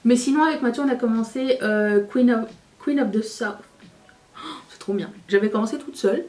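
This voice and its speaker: A woman's voice: fairly high pitch, brisk, a little mellow, distant mic. A woman chatting casually while doing her makeup, rambling and self-mocking. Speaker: beauty youtuber. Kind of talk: casual get-ready-with-me chat.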